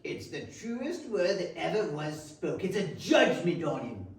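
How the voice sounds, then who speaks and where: A woman's voice: on the low side, big pitch swings, a little slow. A woman playing a greedy, sly old rag-and-bone dealer in a readers theater drama, in a very echoey room. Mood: curious, amused. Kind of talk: readers theater stage acting. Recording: very echoey room, distant mic, faint noise.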